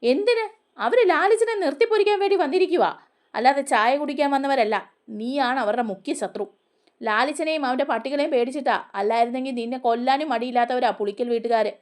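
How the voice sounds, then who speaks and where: A man's voice: very high voice, a little fast. A woman voicing a stern, protective old grandfather who warns bluntly, in a storybook retelling. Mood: warning. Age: older. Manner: warning, blunt.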